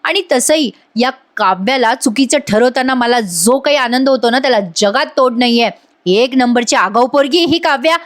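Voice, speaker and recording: A woman's voice: fairly high pitch, moderate pace, natural voice. A woman reading out a gloating scheming aunt. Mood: gloating, taunting. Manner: taunting, mocking. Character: scheming middle-aged aunt, cruel and gloating.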